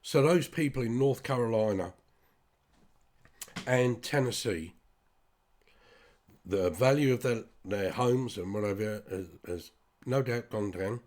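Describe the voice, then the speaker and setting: A man's voice: lowish voice, measured pace, pauses often, darkish tone. A British man talking straight to his listeners in a blunt, sweary, rambling monologue. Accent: British English. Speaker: vlogger. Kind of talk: casual ranting monologue.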